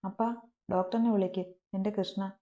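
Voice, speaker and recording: A woman voicing a grieving young husband who pleads softly and anxiously. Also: medium pitch, steady tone, moderate pace, phone-quality sound, natural voice. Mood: pleading.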